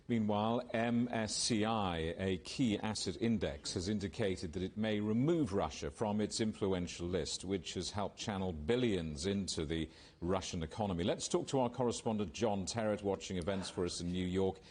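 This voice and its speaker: A man presenting business news as an anchor, in a measured, formal delivery. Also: low-pitched, darkish tone.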